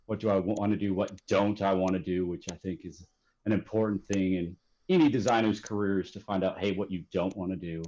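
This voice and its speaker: Guest spot: low-pitched man, easygoing and self-deprecating, lo-fi muffled recording. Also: brisk, slight background noise. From Texas. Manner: relaxed, self-deprecating, filler-heavy storytelling. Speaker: podcast guest, graphic designer. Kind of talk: casual chat. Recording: dull lo-fi sound.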